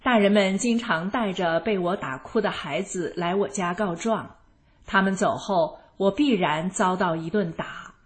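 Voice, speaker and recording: A woman narrating her own life story in the first person, in a calm and even manner. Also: medium pitch, unhurried. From rural China.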